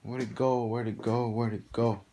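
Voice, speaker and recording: A young vlogger holds his phone at arm's length, talking casually as he moves through his house and then out into the neighborhood. His mellow, medium-pitched voice stays fairly flat at a normal pace, full of rambling, mumbled asides and frequent cursing. The phone audio is noisy.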